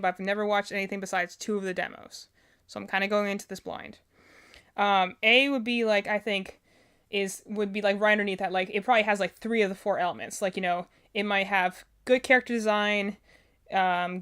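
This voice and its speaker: A woman hosts a livestream, her medium-pitched voice clear, resonant and a little bright. She talks casually and rambles, thinking aloud and often correcting herself along the way.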